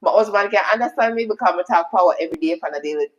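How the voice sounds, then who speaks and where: A woman's voice: on the low side, racing, lo-fi sound. A woman with a Jamaican accent chatting casually, emphatic and repetitive, slipping into patois as she co-hosts. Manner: emphatic, repeats phrases, slips into patois. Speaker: co-host answering viewer questions. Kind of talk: casual chat.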